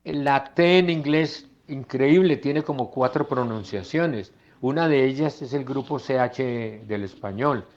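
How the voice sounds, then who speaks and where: Slow, deliberate male phonetics teacher. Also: mid-range voice, a little mellow, muffled recording. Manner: slow, deliberate, models English words aloud. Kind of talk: lecture walking through slides.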